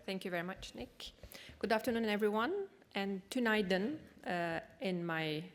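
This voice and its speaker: A woman from Turkey, a native Turkish speaker, giving a formal, polite conference address at a quick clip. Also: medium pitch, background noise. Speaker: program manager speaking at a conference.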